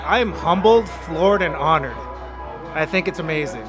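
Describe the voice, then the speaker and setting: A man's voice: a little high, lively intonation, unhurried, a crowd in the background. A man from Los Angeles, an artist giving an earnest, motivational interview about his work. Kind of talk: reflective interview talk. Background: music.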